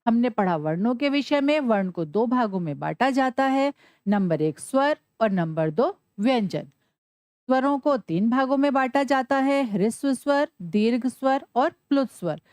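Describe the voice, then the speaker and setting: A woman teaching a Sanskrit lesson to children, asking questions and answering them herself, spelling out letters slowly. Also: fairly high pitch, expressive, a little mellow, no room sound, clean studio sound. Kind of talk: classroom lesson.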